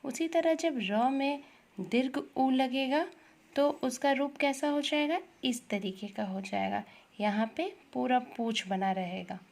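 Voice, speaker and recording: A woman teaching Hindi grammar to young children, slowly repeating words and asking questions to the class. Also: high voice, vocal fry, darkish tone. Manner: slow, repeats words and asks questions to the pupils.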